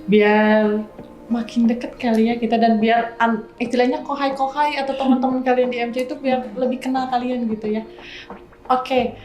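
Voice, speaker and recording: A woman's voice: on the high side, a little mellow, reverberant. A woman hosting a podcast in a casual, chatty, upbeat way, agreeing often. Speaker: podcast host. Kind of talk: casual interview chat.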